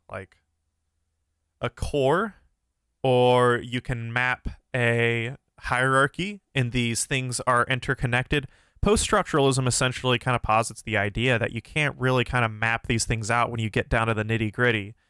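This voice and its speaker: A man's voice: medium pitch, fairly bright tone, clean tone, no echo, studio quality. A young man hosting a philosophy livestream, answering chat questions in a casual, thoughtful way with many fillers and restarts, his voice a bit nasal. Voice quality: somewhat nasal.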